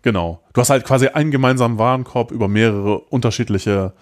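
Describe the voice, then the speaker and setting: A man's voice: medium pitch, fast talker. A man co-hosting a casual tech podcast, talking in a rambling way with lots of fillers and restarts. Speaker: podcast co-host.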